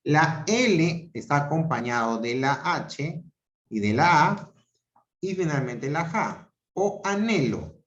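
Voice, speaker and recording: A Peruvian man teaching an online grammar class. He talks slowly and deliberately, repeats each example syllable by syllable, and keeps checking in with "¿ok?" and "¿ya?". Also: a little high, animated, fairly bright tone. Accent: Peruvian Spanish. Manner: checks understanding with frequent "¿ok?" and "¿ya?". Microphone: video call. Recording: roomy, dull video-call audio.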